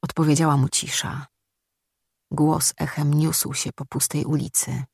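An audiobook narrator reading a story in a steady, measured way. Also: mid-range voice, vocal fry, breathy edge, no echo, clean studio sound. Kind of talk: scripted narration.

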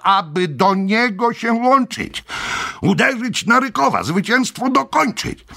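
Husky man reading epic verse dramatically. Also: a bit bright. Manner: theatrical, swinging between high bursts and low falls.

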